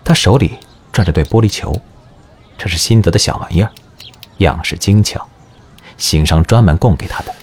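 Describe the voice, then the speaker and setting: A man narrating an audio drama in an expressive storytelling manner. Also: sits low, normal speed, pauses often, husky.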